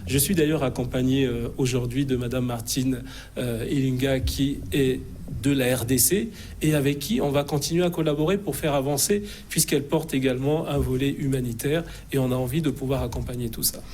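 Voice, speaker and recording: A middle-aged man from the Republic of the Congo, president of a think tank, is interviewed in a TV news studio. He speaks assertively, with frequent fillers and restarts, in a medium-pitched, darkish voice that is fairly even and a little fast. There is slight background noise.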